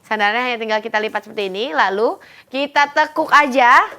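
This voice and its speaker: A woman giving an enthusiastic, urging infomercial sales pitch as a chatty home shopping co-host. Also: quick pace, sharp tone.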